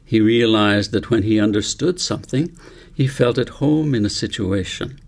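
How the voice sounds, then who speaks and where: A man reads a story audiobook aloud as though he were the author presenting his own book, measured and reflective. His voice is on the low side, with vocal fry.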